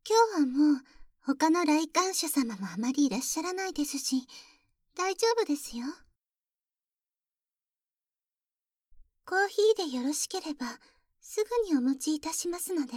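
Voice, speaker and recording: A woman's voice: high-pitched, expressive, moderate pace, darkish tone, no room sound. A woman voicing a polite but jealous young maid in an ASMR roleplay, speaking very formally and whispering close to the ear. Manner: very formal, deferential speech with teasing jabs. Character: polite, jealous young maid who calls herself boku. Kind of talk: ASMR roleplay audio drama.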